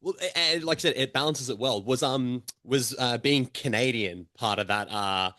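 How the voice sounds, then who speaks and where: A male interviewer with a bright, sharp-edged voice at middle pitch. He keeps things casual and agreeable. He answers with quick interjections and warm enthusiasm.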